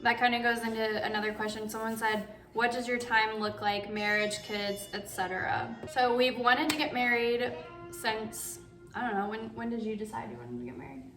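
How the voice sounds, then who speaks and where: Chatty woman, 20s, higher voice, casual vlog host; roomy sound with clear music behind. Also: fairly even intonation, moderate pace, fairly bright tone. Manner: chatty, uses like often. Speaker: vlog host answering viewer questions. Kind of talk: casual chat. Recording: roomy echo, distant mic, music behind. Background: background music.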